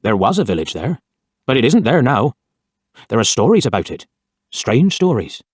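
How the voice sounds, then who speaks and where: A man voicing a wary, grave garage man in a storybook reading, telling a tale slowly and solemnly. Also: medium pitch, sing-song, darkish tone, slightly rough, no room sound, clean studio sound.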